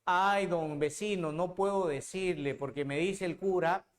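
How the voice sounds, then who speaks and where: A man's voice: high voice, measured pace. A man acting out a cautious village neighbor who speaks in a wary, polite way.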